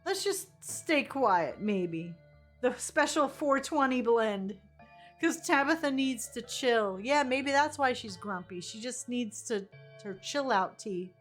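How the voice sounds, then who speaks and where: A woman's voice: on the high side, expressive, takes it slowly, soft background music. A woman casually playing through a story game, reading text aloud and adding informal, playful asides. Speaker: streamer playing a narrative game.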